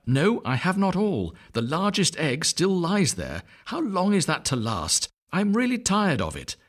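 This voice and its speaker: A worried mother duck in a children's storybook, chirping high and anxious as she fusses over her brood, put on by a man. Her voice swings widely and carries a husky, breathy edge. It is gentle storytelling, not a cartoon shriek. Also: huge pitch swings, unhurried, heavily acted. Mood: fretting. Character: fretful mother duck hatching eggs.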